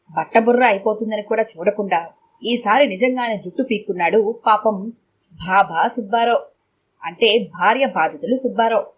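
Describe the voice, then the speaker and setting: A woman narrating a comic audio story in a lively storytelling manner. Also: fairly high pitch, slightly rough.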